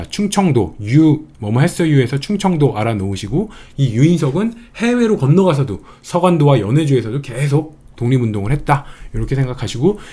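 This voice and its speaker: A man's voice: fairly high pitch, warm tone. A man giving an exam-prep history lecture, chatty and playful, building mnemonic wordplay as he teaches.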